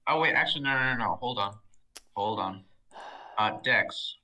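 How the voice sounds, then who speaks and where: Bright-voiced eager male player. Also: medium pitch, unhurried, low-quality recording. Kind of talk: casual tabletop game chat.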